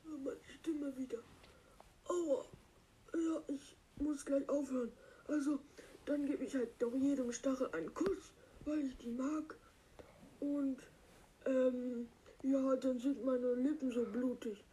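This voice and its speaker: A man's voice: extremely high pitch, fairly even intonation, dark tone, a little hiss or hum, rough recording. Spike, a goofy cactus through a voice changer, played by a man. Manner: rambling, silly, slow, halting with many fillers. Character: dim-witted green male cactus creature. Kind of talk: comic character monologue.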